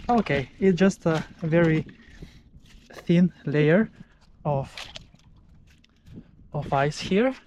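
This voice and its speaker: Very slow, halting male outdoor vlogger. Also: a little high, animated, darkish tone, lo-fi sound, slight background noise. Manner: halting, phrases broken into short pieces. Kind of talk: casual outdoor vlog narration to camera. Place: outdoors at a frozen lake.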